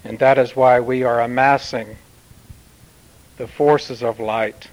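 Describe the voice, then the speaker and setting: A man channeling a solemn male Martian commander who addresses Earth in formal, measured pronouncements with long pauses. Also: medium pitch, fairly even intonation, natural voice, poor audio. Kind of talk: channeled spiritual message.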